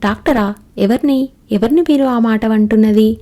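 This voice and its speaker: A woman's voice: medium pitch, fairly even intonation, normal speed, mellow, close to an everyday voice. A woman reading the part of a young male doctor in a storybook reading, teasing and light. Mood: playful. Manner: playful, apologetic. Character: Krishna, young doctor husband, warm and playful.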